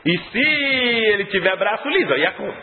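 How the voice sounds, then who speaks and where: High-voiced male teacher on a tinny line. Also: normal speed. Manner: animated, acts out the story, clears his throat often. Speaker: religious teacher. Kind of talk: Torah lesson storytelling. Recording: tinny phone-like sound in an echoey hall.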